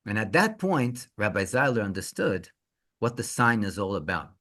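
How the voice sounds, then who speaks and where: A male rabbi telling a story in an animated, halting way, often repeating words. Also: lowish voice. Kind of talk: storytelling talk.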